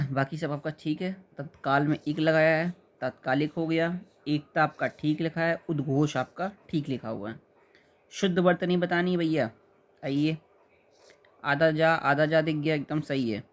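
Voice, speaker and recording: A man teaching a spelling lesson to exam students, patiently explaining and repeating words slowly while checking that they follow. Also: a little high.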